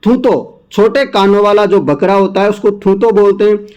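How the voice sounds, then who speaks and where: A man's voice: high voice, moderate pace, darkish tone, lo-fi sound. A man walking through exam questions, chatty, repeating answers and coaxing viewers with asides. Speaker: exam coaching teacher. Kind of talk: exam question walkthrough lesson.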